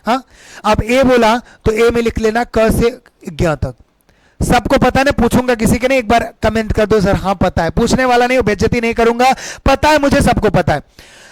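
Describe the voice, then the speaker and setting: High-voiced, emphatic Hindi-speaking teacher. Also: male voice, moderate pace, no room sound, low-quality recording. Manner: emphatic, repeats questions to students, calls them beta. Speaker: English teacher. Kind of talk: exam-prep lesson.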